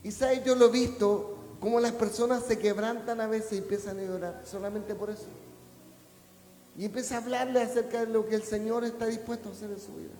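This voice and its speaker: A male pastor preaching a sermon in a high voice, peppering the congregation with rhetorical questions and building to shouts. The sound is roomy, with a long church-hall reverb trailing each phrase. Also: fairly even intonation, fairly quick, a little hiss or hum. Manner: preaching, rising to a shout at climaxes.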